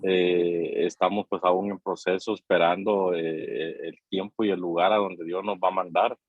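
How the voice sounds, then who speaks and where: A man's voice: low-pitched, level tone, unhurried, no room sound, phone-quality sound. A man from Guatemala sharing in a church group over a call while driving, hesitant, with many fillers and restarts. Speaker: church course participant.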